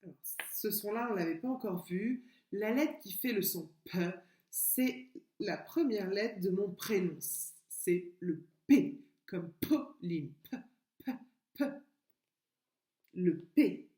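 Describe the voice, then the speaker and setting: A woman teacher leads young children through spelling, stretching out each sound and syllable with great patience. Her pace is unhurried and deliberate, and her voice carries a noticeable room echo, as if recorded on a laptop at home. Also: medium pitch, animated, mellow. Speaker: kindergarten teacher. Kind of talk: remote literacy lesson for young children. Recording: echoey room.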